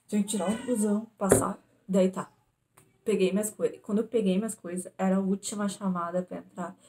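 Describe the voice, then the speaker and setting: Young woman from southern Brazil, mellow low-brightness voice, casual home vlog storyteller, animated. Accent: southern Brazilian Portuguese. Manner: animated retelling, acts out her own panicked pleas. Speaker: vlogger. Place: indoors at home.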